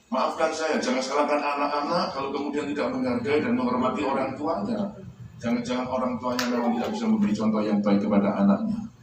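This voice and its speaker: A male pastor preaching a lively sermon, joking with the congregation and leaning into vivid examples. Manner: lively, joking, varies pitch a lot, mimics others in quotes. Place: church hall. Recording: distant, echoey church hall with room noise.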